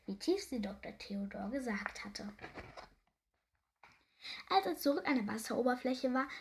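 A young woman reading a children's story aloud, lively and expressive. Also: fairly high pitch. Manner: lively, warm storybook narration.

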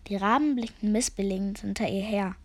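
A woman's voice: medium pitch, brisk. A woman reading a children's story aloud, narrating expressively between the animal voices. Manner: expressive, lively voicing of each animal.

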